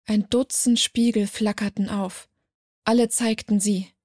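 Slow, measured woman narrator. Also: medium pitch, steady tone, darkish tone. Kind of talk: scripted fantasy narration.

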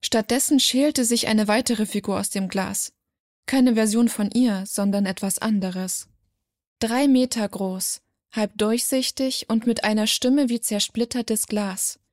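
Woman reading a fantasy story slowly, higher voice, dramatic. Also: steady tone. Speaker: narrator. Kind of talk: scripted fantasy narration.

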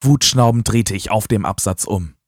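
A man reading a first-person audiobook with a lively, dramatic delivery. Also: lowish voice, normal speed, no room sound, clean studio sound. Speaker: audiobook narrator.

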